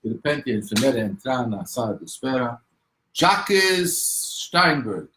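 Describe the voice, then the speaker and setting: A man's voice: medium pitch, fairly quick, slight background noise, low-quality recording. A man teaching a class on faith, telling a story and acting out the people in it. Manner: animated storyteller, acts out child and mother in raised voices. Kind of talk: storytelling lesson.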